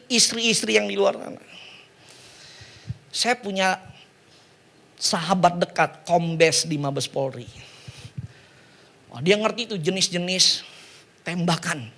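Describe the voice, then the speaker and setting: A man preaching a sermon in a lively, joking way, calling on the congregation to repeat words after him. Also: sits high, takes it slowly, creaky, pauses often. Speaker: pastor.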